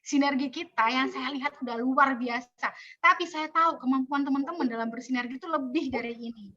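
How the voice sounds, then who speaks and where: A woman giving an animated communication workshop over an online call. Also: sits high, a little fast, dull audio. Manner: animated, demonstrates speaking styles, mixes in Javanese phrases. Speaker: webinar speaker on communication. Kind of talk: lively workshop talk.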